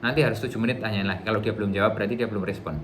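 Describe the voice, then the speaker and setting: A man's voice: lowish voice, steady tone, very fast, a bit bright, a little hiss or hum. A middle-aged man giving a relationship seminar to a live audience in a casual, chatty way, acting out little dialogues. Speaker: workshop trainer.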